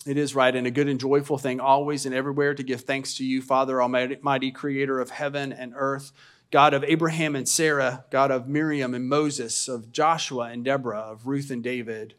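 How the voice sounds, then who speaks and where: A man speaking as a pastor, delivering a sermon and communion liturgy in a solemn, measured, declamatory manner. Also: mid-range voice, flat delivery, fairly bright tone. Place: church service.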